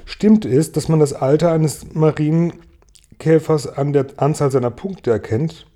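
A man's voice: on the high side, measured pace, mellow, natural voice. A man voicing a curious, kind young boy who asks friendly questions, in an audiobook reading. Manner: inquisitive and friendly.

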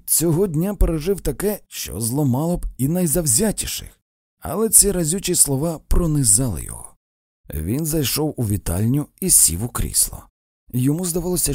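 Male audiobook reader, wry, very animated delivery, dry close sound. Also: mid-range voice, breathy edge, dry recording. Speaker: audiobook narrator. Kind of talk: scripted narration.

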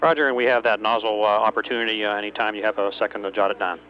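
A man's voice: fairly low pitch, steady tone, racing. A man working as a capsule communicator, making procedural, slightly hesitant radio calls to a spacecraft over a dull channel. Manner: procedural, hesitant between phrases. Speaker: capsule communicator at ground control. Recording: dull radio channel with faint noise and hum.

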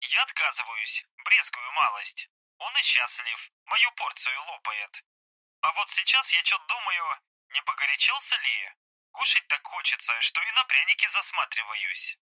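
A man voicing a young wounded soldier in hospital, speaking softly and joking about his complaints over the phone. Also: fairly high pitch, wildly swooping pitch, normal speed, no room sound, voice pushed up, exaggerated voice, poor audio. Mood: wry grumbling.

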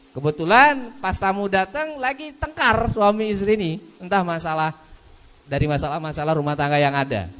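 In a mosque study lecture, an ustadz teaches from a book on manners, his high, fairly bright voice returning again and again to a blessing phrase as he acts out little scenes. A long hall reverb trails after his words.

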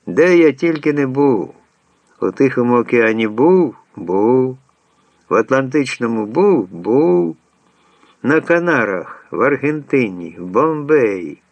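A man voicing a loud, boastful, drunken old sailor who brags in a coarse, bellowing way. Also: mid-range voice, expressive, slow, no echo, lo-fi sound, voice pushed up. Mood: bragging.

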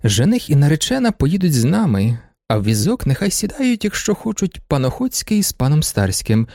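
A man voicing a lively young widow who teases and orders her companions about, in an audiobook. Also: on the high side, fairly quick, no room sound, studio quality. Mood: teasing. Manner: teasing, commanding.

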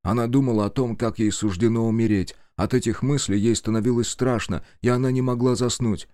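A man's voice: medium pitch, steady tone, fairly quick, warm tone, dry recording, clean studio sound, lightly acted. A man voicing a nasal, guilt-ridden young man in an audiobook. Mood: brooding.

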